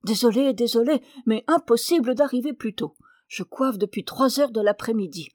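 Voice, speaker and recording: Condescending male hairdresser, pompous and smooth, close dry sound, woman reading. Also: a little high, animated, moderate pace, darkish tone, no echo. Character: haughty self-important male hairdresser. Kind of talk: audiobook character reading.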